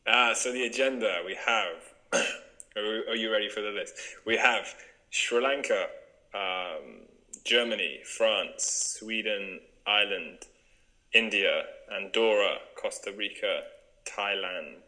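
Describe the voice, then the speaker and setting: A man's voice: on the low side, takes it slowly, pushed and bright, low-quality recording. A young man from Wales, a yoga teacher chatting casually in an interview, upbeat and laughing often.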